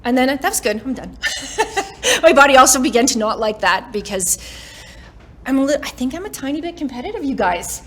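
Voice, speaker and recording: A woman's voice: sits high, sing-song, fairly quick. A woman in her forties giving a motivational talk to a live audience, chatty and self-mocking, often laughing between lines. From Canada. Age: 40s. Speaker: keynote speaker. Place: summit stage in front of an audience.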